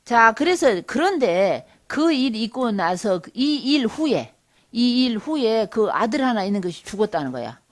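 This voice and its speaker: A woman's voice: a little high, big pitch swings, measured pace. A woman seminary lecturer teaching Bible history in a conversational way, with rhetorical asides.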